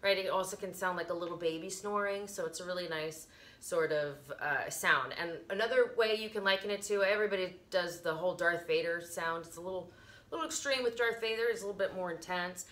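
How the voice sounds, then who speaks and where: A middle-aged woman with a slightly low, bright voice leads a casual yoga lesson. She explains things informally, leaning gently on words and leaving little pauses. She is recorded indoors in a living room, a few feet from the camera. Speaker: yoga instructor. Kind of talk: casual instructional talk, guided breathing demonstration. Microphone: camera a few feet away.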